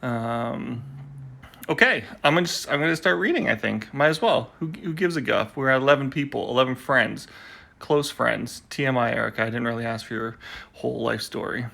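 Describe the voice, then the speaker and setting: A man's voice: medium pitch, expressive, brisk, creaky, sharp tone. A man hosting his own live poetry stream, chatting and teasing viewers in a rambling way while he waits to start, recorded on a phone indoors at home. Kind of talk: casual chat to live viewers.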